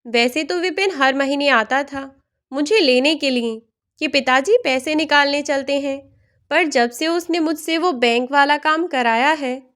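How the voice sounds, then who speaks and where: A woman narrating a family moral story in a steady, plain storytelling manner. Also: high voice.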